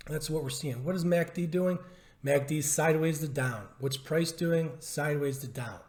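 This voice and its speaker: In an echoey room, a stock trading educator goes over stock charts in a market update, his voice somewhat high, hoarse and darkish. Speaking at normal speed, he hammers his points with emphasis, repeats them, and poses rhetorical questions.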